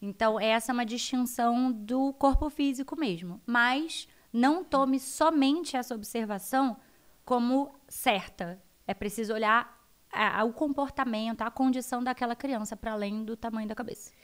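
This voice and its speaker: Woman, Brazilian accent, fairly high voice, animated explanatory talk, podcast guest. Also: moderate pace. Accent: Brazilian Portuguese. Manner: animated, acts out her children's voices. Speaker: guest, integrative child educator.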